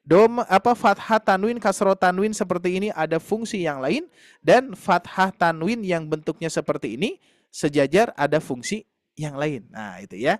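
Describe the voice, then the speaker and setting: Male teacher, fairly high voice, dry close sound, patient and filler-heavy, keeps addressing the class. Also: animated, dry recording. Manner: explains slowly with many fillers, addresses students directly. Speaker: Quran recitation teacher. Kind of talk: online tahsin class lecture.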